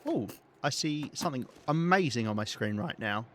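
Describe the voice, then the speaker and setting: Man, southern English accent, live game stream commentary, chatty, wry, average pitch. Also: lively intonation, moderate pace, fairly bright tone. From south of England. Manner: chatty and wry, swears, laughs often. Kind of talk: casual live gameplay commentary.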